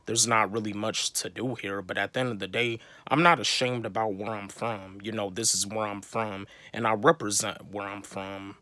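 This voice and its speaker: Young rambling motivational vlogger, low voice. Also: male voice, fairly even intonation, moderate pace, hardly any pauses, pushed and bright, dry recording. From North Carolina, USA. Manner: rambling, repetitive, many fillers and restarts. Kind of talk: motivational talk to camera.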